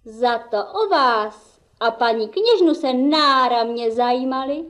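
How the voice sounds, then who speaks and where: A woman's voice: on the high side, a bit bright, natural voice. A woman playing a cheeky, impish jester boy puppet with mocking, playful banter in a puppet theatre play.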